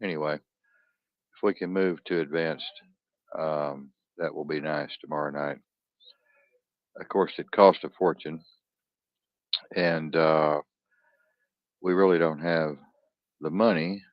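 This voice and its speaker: A man with a very low, deep voice hosts a live stream, tired and blunt, swearing freely as he rambles on. The sound is dry and close, with dull, lo-fi stream audio. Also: steady tone, slow, long pauses, no room sound. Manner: profane, blunt, restless, barks orders at his producer. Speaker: host of an online talk stream.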